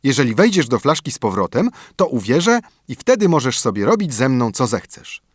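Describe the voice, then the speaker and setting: A man's voice: medium pitch, sing-song, brisk, slightly rough, no echo, clean studio sound. A man voicing a clever, bold young male student in an audiobook fairy tale, in a raised, earnest voice.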